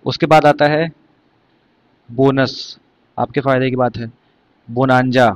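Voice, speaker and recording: Male teacher, mid-pitched, explains terms step by step and quizzes students. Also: fairly even intonation, takes it slowly, no echo. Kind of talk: exam vocabulary lesson.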